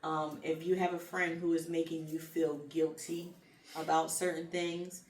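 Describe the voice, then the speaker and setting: A low-pitched woman talks through advice in an earnest, unhurried way, leaning on small fillers. She sounds set back from the mic in an echoey room with a faint hiss underneath. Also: flat delivery, recorded from a distance. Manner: earnest, repeats points slowly with fillers. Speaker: podcast co-host. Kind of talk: casual advice chat.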